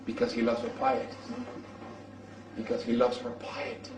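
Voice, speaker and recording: A man's voice: very high-pitched, very animated, moderate pace, vocal fry. A man preaching, who tells a story with energy and acts out its dialogue. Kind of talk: sermon storytelling. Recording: echoey, from far off the mic.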